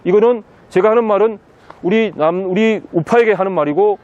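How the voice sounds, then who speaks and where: Man, high-pitched voice, insistent interviewee, repeats key words, outdoors in a city. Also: a little fast, a little mellow, highs cut off. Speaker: interviewee, political commentator. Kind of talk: impassioned outdoor interview monologue.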